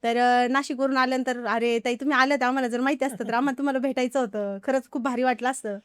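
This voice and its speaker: A woman's voice: high voice, quick pace, clean tone, no room sound. A woman, telling stories as an interview guest and acting out the lines of the people she quotes. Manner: animated, acts out others' quoted lines. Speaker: farmer vlogger guest. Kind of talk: casual podcast interview storytelling.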